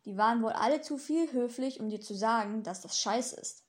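A woman's voice: fairly high pitch, brisk, lightly acted. A woman reading as a sarcastic male demon in an audiobook. He talks dry and mocking, with a sneer under every line. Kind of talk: audiobook dialogue.

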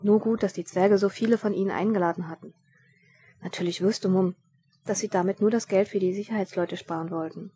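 A woman narrating a humorous story aloud with lively storytelling and occasional small slips. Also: medium pitch, a little fast. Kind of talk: audiobook storytelling.

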